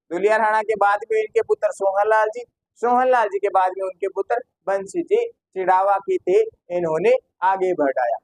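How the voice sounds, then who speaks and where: High-voiced Rajasthani teacher lecturing. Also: male voice, no echo, rough recording. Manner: asks students questions and answers them himself; slips into local dialect phrases. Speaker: exam-prep teacher. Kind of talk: classroom lecture.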